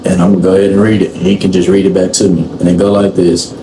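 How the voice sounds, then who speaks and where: A man in his twenties hosting a casual podcast chat, explaining things slowly and often asking "you know what I'm saying". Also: deep voice, level tone, warm tone. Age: 20s. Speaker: podcast host. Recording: echoey room, faint room noise.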